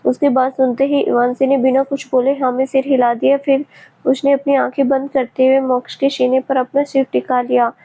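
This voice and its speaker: High, flat-voiced woman reading a story. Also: moderate pace. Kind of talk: read-aloud story narration. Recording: tinny phone-like sound.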